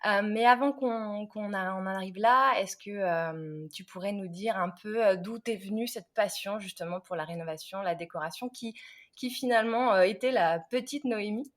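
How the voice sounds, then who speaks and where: A woman who hosts a home renovation podcast and works as an interior architect. She gives a lively scripted introduction and then moves into relaxed interview chat. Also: mid-range voice, moderate pace, dry recording, clean studio sound. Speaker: podcast host.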